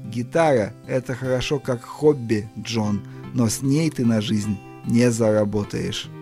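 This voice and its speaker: A man's voice: medium pitch, measured pace, mellow, faint music behind, natural voice. A man reading the part of a stern, disapproving older aunt in an audiobook, lecturing her nephew.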